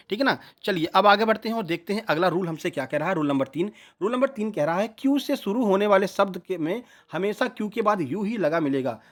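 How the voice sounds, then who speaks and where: Man, high pitch, exam prep teacher, spells out letters, keeps checking in. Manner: explains step by step, spells words out letter by letter. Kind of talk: online lesson.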